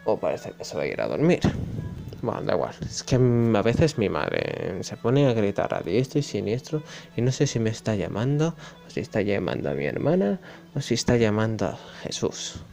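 A man playing a game at home on a headset, reading out and translating its dialogue in a slow, rambling way. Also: fairly low pitch, big pitch swings, creaky, darkish tone. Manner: slow, rambling, swearing casually. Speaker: gaming YouTuber. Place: home room. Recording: faint game music behind.

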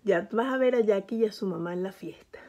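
A woman reading a picture book aloud to children, gently asking the young listener questions. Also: medium pitch, brisk. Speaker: storyteller.

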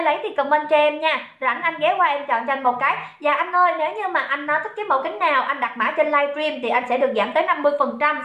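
A young woman from Saigon with a Southern Vietnamese accent runs a live sales stream in a high, bright voice. She chats fast and teases, greeting viewers by name. The sound is roomy and echoing. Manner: chatty, greets viewers by name, jokey banter. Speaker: livestream seller. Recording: roomy echo.

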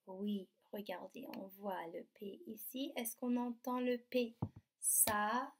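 Slow, patient woman teaching children. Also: medium pitch, darkish tone, a little hiss or hum. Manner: slow, stretches words out, sounding out letters. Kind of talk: remote lesson for young children. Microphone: computer mic.

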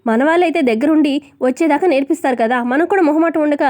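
A woman voicing a calm, reasonable middle-aged man who explains patiently. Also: high-pitched, fast, dry recording, natural voice.

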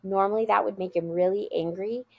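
A woman's voice: mid-range voice, steady tone, brisk, highs cut off. A woman guest telling heartfelt stories about her school in a casual interview over a video call. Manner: earnest, heartfelt storytelling.

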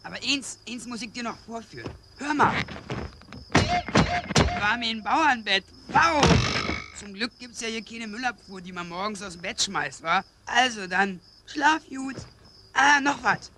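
A woman's voice: on the high side, lively intonation, unhurried, noisy background. A woman voicing a brash, slangy little punk boy in a cartoon. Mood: chummy. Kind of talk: animated film dialogue.

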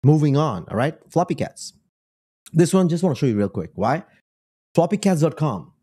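A young man with a mellow, husky voice comments casually on what he shows on his screen. His pitch climbs and dips a lot as he jokes and exclaims. He often cuts in on himself before carrying on. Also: moderate pace. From Bengali. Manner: animated, joking, exclaiming. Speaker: online business creator.

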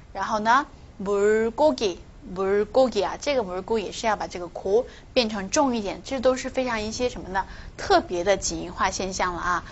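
A woman's voice: mid-range voice, fairly bright tone. Woman teaching pronunciation, dull recording. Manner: explains patiently, repeats example words slowly and stresses them. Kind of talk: online language lesson.

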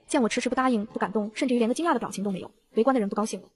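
A woman narrating a novel in the first person, in a brisk, even storytelling read. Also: a little high, husky. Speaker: audiobook narrator.

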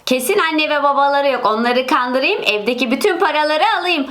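A woman's voice: sits high, fairly quick, a bit bright. A woman voicing a scheming adult male burglar who sweet-talks children at the door. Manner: sly, wheedling. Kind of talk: toy role-play voicing.

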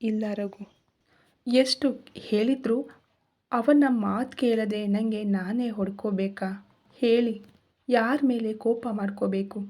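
A woman voicing a hurt, tearful young wife who speaks slowly and softly in questions. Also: on the high side, steady tone. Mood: bitter.

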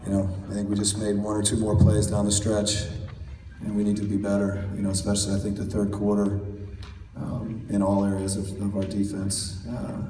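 Coach at a press table, measured and steady, low flat delivery, caught from far back in an echoey room. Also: male voice. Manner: measured, steady, many "you know" fillers. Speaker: basketball head coach. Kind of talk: postgame press conference answers. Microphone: table mic, recorded from far in the audience. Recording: roomy, distant, faint hall noise.

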